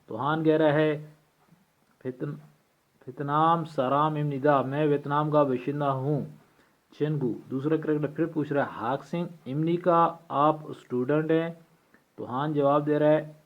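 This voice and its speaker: A man teaching a language lesson from a textbook, reading vocabulary slowly and repeating each word for practice. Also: on the high side, steady tone. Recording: tinny phone-like recording.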